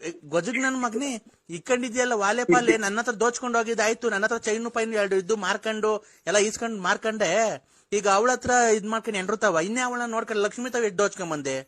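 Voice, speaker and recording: This man speaks with a Doddaballapur Kannada accent. His voice sits very high and he talks fast. He is making a prank call, shouting and hurling accusations down the line.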